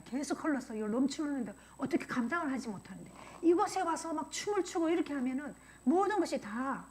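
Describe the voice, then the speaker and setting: Woman pastor, middle-aged, higher voice, lively storytelling sermon. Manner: animated storytelling, acts out voices in quotes.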